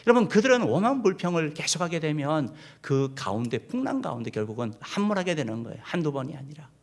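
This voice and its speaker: Gravelly-voiced male pastor preaching. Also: fairly high pitch, sing-song, quick pace. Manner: addresses the congregation directly, leading them in reading. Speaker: senior pastor. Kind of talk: sermon. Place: church sanctuary.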